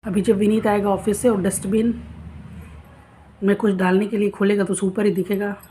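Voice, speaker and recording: A woman's voice: mid-range voice, flat delivery, normal speed, warm tone. A woman vlogging casually at home, telling stories in a chatty way and playing out her husband's lines as she goes. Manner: chatty storytelling, acts out husband's quoted lines. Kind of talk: casual vlog chat. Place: home room facing a noisy street. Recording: faint street noise behind.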